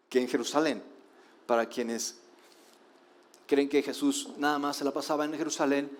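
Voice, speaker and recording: Brief: preacher, slightly high voice, sermon delivery, questions to the crowd. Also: male voice. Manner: rhetorical questions, shifting slow emphasis and quick asides. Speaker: pastor.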